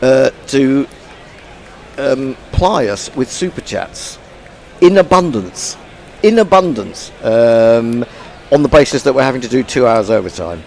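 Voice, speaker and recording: A man's voice: medium pitch, expressive, unhurried, darkish tone, slight background noise. A man hosting a casual cricket commentary chat, rambling and self-mocking, tripping over long names. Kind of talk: casual pre-match chat.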